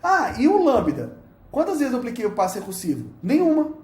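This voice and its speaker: Lively Brazilian man lecturing in an echoey room. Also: extremely high pitch, a little fast. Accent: Brazilian Portuguese. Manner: animated, playful, checks in often with "tá?". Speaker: university lecturer. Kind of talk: recorded lecture.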